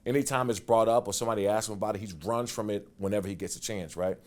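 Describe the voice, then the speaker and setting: A man in his forties with a fairly low voice, recounting old football stories in a relaxed interview. He talks animatedly and rises to loud, quick bursts when the tale heats up. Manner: animated storyteller, gets loud and fast when excited. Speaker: guest, former football player. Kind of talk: casual storytelling interview.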